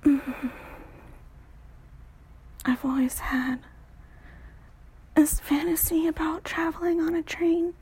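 A young woman tells an intimate story in a soft, breathy whisper. Her voice sits high, and she takes her time, letting sighs fill the pauses between slow, unhurried phrases. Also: fairly even intonation.

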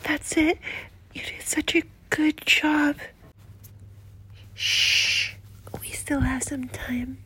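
A high-voiced woman fully in character as a doting, flirtatious nurse who is motherly and teasing, performing a whispered ASMR roleplay. Her tone stays steady as she speaks in a soft, breathy whisper, slow and coaxing, with a whispery, doting mood.

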